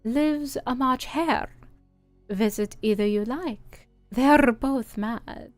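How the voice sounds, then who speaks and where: Grinning storybook cat woman acts it out: unhurried, stretched-out words, teasing, serenely mad, music underneath. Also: fairly high pitch, no room sound. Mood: languid, knowing. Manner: slow drawn-out delivery, teasing and unbothered. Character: grinning, languid, slyly mad talking cat.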